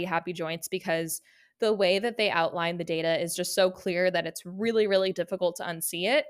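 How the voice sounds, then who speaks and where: A young woman talks alone on her podcast in a smooth, clear voice pitched a little low. She sounds earnest and reflective, with an upbeat lift. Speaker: podcast host. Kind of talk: solo podcast monologue.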